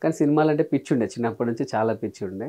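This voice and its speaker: A man in his thirties, a comedian and mimicry artist, telling stories as an interview guest. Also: mid-range voice. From Telangana, India. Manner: lively storyteller, quick, acts out quoted lines. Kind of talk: casual interview chat.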